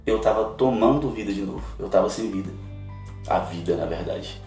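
A man's voice: lowish voice, normal speed, a little mellow. Man, missionary guest, emotional storytelling, echoey room, faint background music. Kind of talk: personal testimony in a podcast interview. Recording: roomy, distant mic, faint music.

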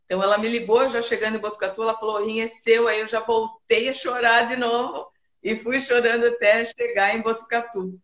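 A woman's voice: a little high, steady tone, fairly quick, fairly bright tone, echoey room. A woman guest talking in a casual online conversation, emotional and reflective. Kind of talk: casual video-call conversation.

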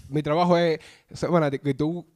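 A man's voice: fairly high pitch, steady tone, brisk, darkish tone. A man with a Dominican accent giving slangy, opinionated takes in a casual chat about sports.

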